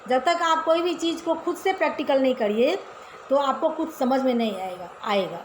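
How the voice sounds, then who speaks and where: This Hindi teacher's voice sits high and sounds expressive, moving at a normal speed. She gives children a relaxed, step-by-step lesson full of questions, captured in an echoey room with faint ambience and a bit of hiss or hum.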